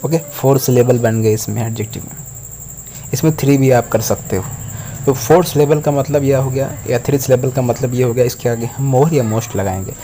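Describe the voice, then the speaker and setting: A man's voice: mid-range voice, normal speed, dark tone, slight background noise. A man teaching an English grammar lesson, explaining patiently step by step.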